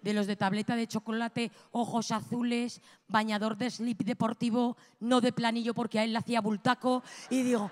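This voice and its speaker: High-voiced woman doing bawdy stand-up. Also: normal speed, in a large hall. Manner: bawdy, animated storytelling with crude slang. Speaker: stand-up comedian. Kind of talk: stand-up monologue. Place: gala stage before a live audience.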